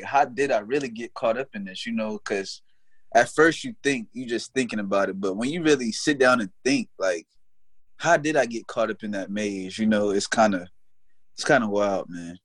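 A man's voice: medium pitch, normal speed, no room sound. A young man talking casually about his faith and his college years, often adding "you know what I'm saying". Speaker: guest.

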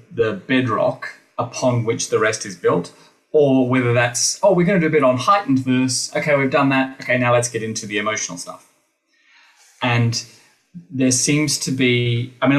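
A man's voice: mid-range voice, low-quality recording. Thoughtful Australian man, voice teacher. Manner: thoughtful, full of restarts, acts out quoted teachers. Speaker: actor and voice teacher, guest. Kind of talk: podcast interview.

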